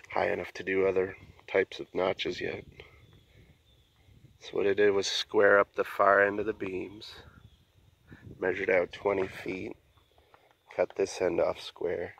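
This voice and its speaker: Outdoors at a building site in a wooded yard, a man films a casual explanatory vlog on a handheld phone, speaking from behind the camera as an amateur builder. His voice is low, creaky, and slightly bright, and the poor audio carries slight background noise.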